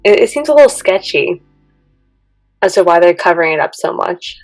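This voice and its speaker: A woman's voice: on the low side, expressive, brisk, no room sound, rough recording. A graduate student in her twenties chatting casually, with many "like"s. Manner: chatty, with lots of "like". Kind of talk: casual interview answer. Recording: dry close sound with soft guitar.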